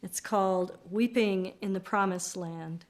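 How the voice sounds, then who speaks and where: A woman folk singer chatting before her song in a soft, hesitant way that trails off. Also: medium pitch, measured pace. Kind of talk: casual chat before a song. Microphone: video call. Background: acoustic guitar.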